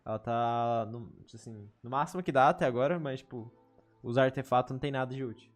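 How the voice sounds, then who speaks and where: A game streamer with a Brazilian accent, a native Portuguese speaker, chats casually on a live stream, often repeating words. His voice is medium-pitched and fast, with game music playing in the background.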